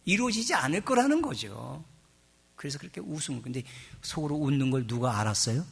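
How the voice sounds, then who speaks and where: Middle-aged man, pastor, sermon, high voice, lively intonation, hushed asides and loud emphasis. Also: fairly quick, creaky, heavy background noise. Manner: animated preaching, swinging between hushed asides and loud emphasis; acts out quoted voices in a chatty, joking tone.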